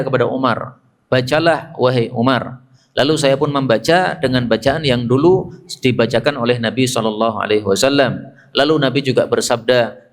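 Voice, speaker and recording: A man with a Javanese accent preaching at a mosque, telling stories in a relaxed way with joking asides in local speech. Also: medium pitch. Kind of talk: mosque study sermon.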